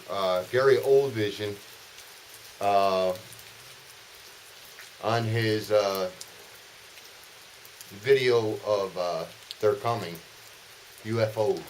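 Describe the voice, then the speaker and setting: A man's voice: lowish voice, slow pace, long pauses, poor audio. A man chatting casually for a vlog as host, joking and swearing coarsely, recorded outdoors in the rain. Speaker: vlogger, host. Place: outdoors in the rain, sheltered dry spot. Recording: hissy, steady rain noise outdoors. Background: rain falling.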